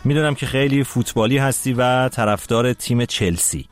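A man's voice: medium pitch, soft background music. A man hosting a talk show, introducing a guest and asking friendly questions. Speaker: host.

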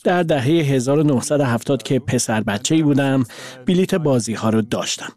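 A man voicing a translation over a guest's words, with a measured, even delivery. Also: mid-range voice. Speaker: voice-over interpreter.

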